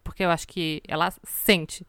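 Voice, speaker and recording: A woman's voice: fairly low pitch, flat delivery, normal speed, a bit bright, smooth, no echo, clean studio sound. A woman chatting casually about home life, talking in long loose runs with lots of filler words. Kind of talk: casual chat. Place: home in Canada.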